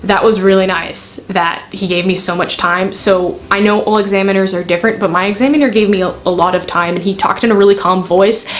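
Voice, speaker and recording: Chatty, candid young woman telling a story. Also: mid-range voice. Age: 20s. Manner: chatty, candid, self-deprecating. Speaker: student pilot vlogger. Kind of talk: casual storytelling to camera. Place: bedroom, indoors.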